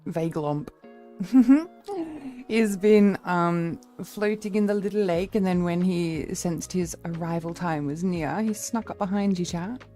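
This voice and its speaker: A woman's voice: fairly low pitch, a little slow, hardly any pauses, warm tone, soft background music. A young woman streamer chatting casually with her viewers, rambling and swearing freely.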